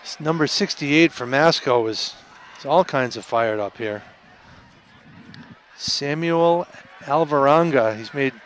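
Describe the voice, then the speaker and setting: A man giving color commentary at a local high school football game, talking through the blocking in a chatty way and correcting himself. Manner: chatty analysis with self-corrections and light laughs. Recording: outdoor stadium with crowd and noise. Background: crowd and field noise.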